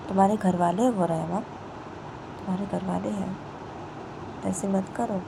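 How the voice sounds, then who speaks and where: Woman doing an anxious young lover, fussing and repeating her pleas, gravelly low voice, traffic noise behind.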